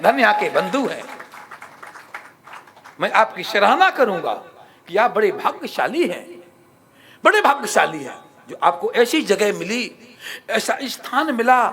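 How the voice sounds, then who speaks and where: A man teaching a devotional scripture sermon at an ashram, repeating phrases for emphasis and quizzing his listeners. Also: high voice. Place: ashram hall. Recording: clear music playing under the voice. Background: plucked string music.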